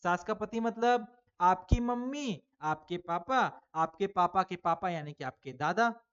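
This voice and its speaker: A man teaches a class of children in a relaxed, chatty way, posing questions and answering them himself. His recording sounds a little dull and lo-fi. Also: high-pitched, a little slow, clear, resonant tone. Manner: chatty, addresses pupils as "beta". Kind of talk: online exam-prep lesson for children.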